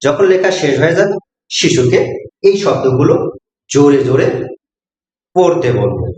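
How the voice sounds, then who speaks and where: A male teacher giving a slow lesson, sounding out words syllable by syllable and answering his own questions. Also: a little high, big pitch swings, a little mellow, a little hiss or hum. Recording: very echoey room.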